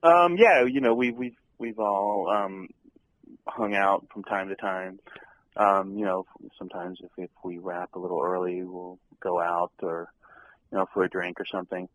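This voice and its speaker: Man, young adult, very deep voice, actor in an interview, halting, lots of ums, laughs easily. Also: fairly even intonation, a bit bright, low-quality recording. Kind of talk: casual interview chat.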